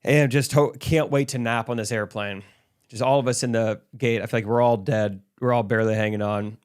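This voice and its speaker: A man co-hosts a podcast in relaxed chat. He tells stories with animation and acts out the people in them. His voice is smooth and resonant. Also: medium pitch, fairly quick. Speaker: podcast co-host. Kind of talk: casual chat, storytelling.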